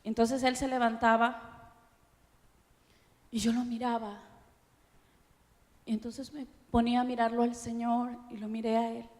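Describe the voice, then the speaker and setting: A middle-aged woman pastor with an Ecuadorian Spanish accent preaches slowly, with heavy pauses, her fairly high voice dropping to a hush and then rising. Her voice carries long reverb from a large auditorium. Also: flat delivery. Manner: emotional, slow, dramatic shifts from hushed to loud. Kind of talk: sermon testimony. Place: conference auditorium.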